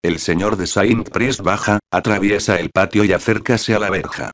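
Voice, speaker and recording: A man narrating an audiobook in a measured, steady storytelling manner. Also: on the low side, muffled recording. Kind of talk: scripted narration.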